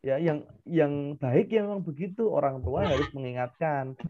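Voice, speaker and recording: A man, a primary school teacher giving an online class to children, animated and acting out parents and kids. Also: a little high, normal speed, narrow, tinny audio, slight background noise.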